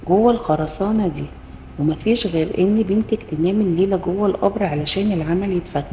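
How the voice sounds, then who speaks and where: Woman voicing a sinister old Egyptian village charlatan: low, hushed, commanding, in an echoey room. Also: fast, a little hiss or hum, natural voice. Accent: Egyptian Arabic. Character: sly, menacing old male village charlatan. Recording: roomy reverb, dull and muffled.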